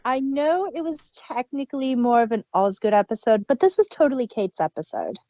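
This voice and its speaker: High, sing-song and warm, a woman's voice moves briskly through casual podcast chat as she co-hosts a review of an audio drama. Laughter comes often and her sentences trail off. The recording is dry, dull and muffled.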